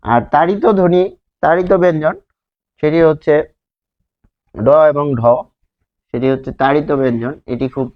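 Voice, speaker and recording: A man's voice: a little high, normal speed, long pauses. A male teacher from Bangladesh giving a grammar lesson, asking and answering his own questions and drawing out sounds to demonstrate them. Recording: slightly dull lo-fi sound.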